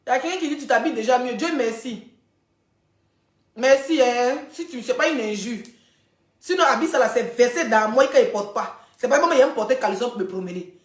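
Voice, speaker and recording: High-voiced woman gossiping on a live stream. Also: brisk, roomy sound. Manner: chatty, animated storytelling, addressing viewers directly. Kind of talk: casual live-stream chat.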